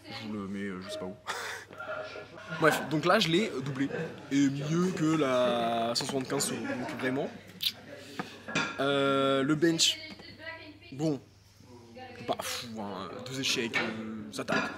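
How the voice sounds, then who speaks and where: A man with a hoarse, worn-out voice chatting casually about his training session, with plenty of fillers and gym slang. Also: medium pitch, animated, slow pace, long pauses. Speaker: powerlifter filming a training vlog. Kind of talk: casual post-workout vlog chat. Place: busy indoor gym. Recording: loud crowd noise in a gym. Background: loud crowd cheering in the gym.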